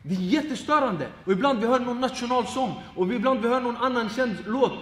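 Man teaching informally, high voice, animated, laughing, echoey reverberant hall. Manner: animated, laughing, acts out everyday examples. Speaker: Islamic teacher. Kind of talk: informal advice talk.

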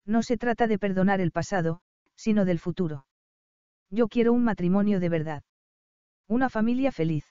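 A heartsick young bride speaks soft and hesitant, as a woman narrator reads her. The voice is warm and smooth, and the recording is dull and dry. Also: mid-range voice, moderate pace, long pauses, no room sound, lightly acted. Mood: troubled.

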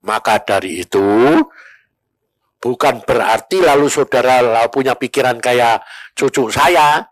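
A man's voice: medium pitch, a little slow, dry recording. An older man, preaching a sermon and telling a story, acting out the voices of the people in it. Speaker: pastor.

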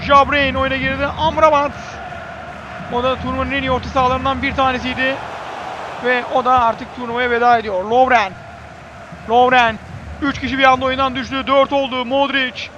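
A man giving live football commentary in clipped phrases, repeating player names emphatically and shouting excitedly at key moments. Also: extremely high pitch, fairly quick, highs cut off, noisy background.

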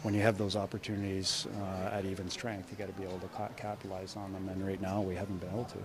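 A middle-aged man, a head coach, answering reporters after a game in a measured way, often restarting his sentences. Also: deep voice, flat delivery, a crowd in the background. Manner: measured, frequent restarts and repeated words. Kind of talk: postgame press conference. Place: indoor media room before a sponsor backdrop. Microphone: cluster of handheld reporter mics.

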